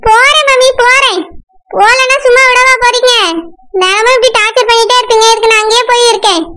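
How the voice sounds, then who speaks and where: A woman's voice: very high-pitched, fairly even intonation, fast, pushed and bright, a little hiss or hum. A woman voicing a spoiled, stubborn young married daughter in a cartoon, with a whiny, complaining manner and a Tirunelveli Tamil accent. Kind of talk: cartoon voice acting.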